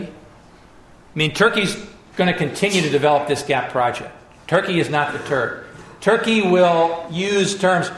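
A man giving a public lecture with slides, in a measured, emphatic way with frequent restarts and fillers. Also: fairly high pitch, a bit bright, echoey room, slight background noise.

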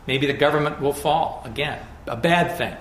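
A middle-aged man talks through his slides, pressing on key words and restarting phrases as he goes. His voice sits a little high. The room is reverberant with a faint hum of ambience behind him. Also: a bit bright. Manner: measured, emphatic, with frequent restarts and fillers. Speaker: lecturer. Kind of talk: public lecture with slides.

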